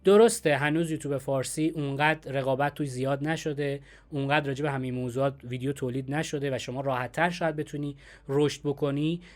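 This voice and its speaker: A man's voice: medium pitch, steady tone, darkish tone. A man speaking as the host of a conversational interview.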